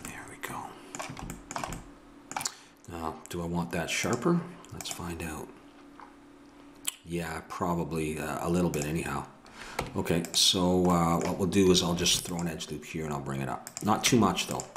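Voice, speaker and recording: There's slight background noise as this middle-aged Ottawa Valley Canadian man sits at a desk in a home room, talking himself through a 3D modeling tutorial and self-correcting as he muses. His low voice has a fairly bright tone, and he goes a little slowly, leaving long pauses.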